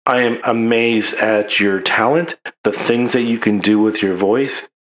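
A man's voice: fairly low pitch, a little slow. Laid-back male podcast co-host. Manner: relaxed, teasing, drinking beer while recording. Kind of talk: casual chat.

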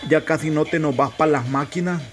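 A man playing an old grandfather with a Salvadoran accent, gruffly teasing his grandson and calling him a fool with affection. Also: fairly high pitch, brisk, faint music behind, natural voice. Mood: gruff tender.

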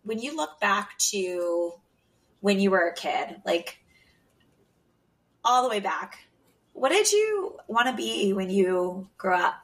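A woman hosting a podcast, affirming her guest warmly and asking long, rambling questions. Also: medium pitch, animated, slow pace, long pauses, distant mic. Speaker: podcast host. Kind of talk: warm-hearted podcast interview.

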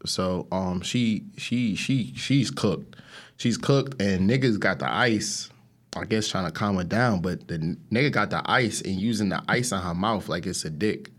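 Low-voiced man in slangy podcast chat. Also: measured pace, a bit bright. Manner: slangy, profane, repeats phrases. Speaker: podcast host. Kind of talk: casual chat among friends.

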